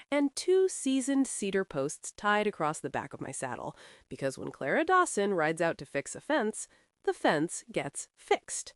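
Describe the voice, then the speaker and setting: Narrating a first-person western audio drama, a woman voices a proud, capable frontier ranch woman. Her fairly low voice is dry, wry, and measured, captured in a dry recording.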